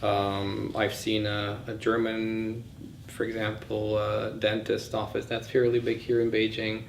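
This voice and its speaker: Here the same Bulgarian-born lecturer, who grew up in several countries, speaks in a lowish, gravelly voice at a measured pace, still totally flat in delivery. He muses aloud in a conversational, opinionated style during an informal talk in an indoor session room. Echo and faint noise color the recording.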